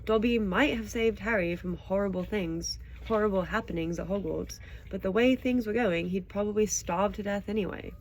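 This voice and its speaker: An audiobook reader and show host narrates storybooks expressively, then chats casually about them with a child listener. Her voice is mid-range with a darkish tone and a moderate pace; the recording is rough, with slight background noise.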